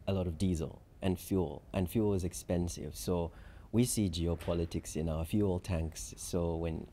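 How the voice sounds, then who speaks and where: A man from Zambia, a chief risk officer answering interview questions at a conference in measured, structured explanations. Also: deep voice, fairly even intonation, dark tone, slight background noise.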